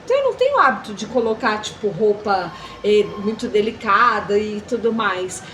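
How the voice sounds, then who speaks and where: A woman's voice: mid-range voice, very animated, moderate pace, a bit bright, a little hiss or hum, poor audio. A Brazilian woman talking earnestly as a mentor, teaching about faith and womanhood. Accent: Brazilian Portuguese. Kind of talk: casual faith-based chat.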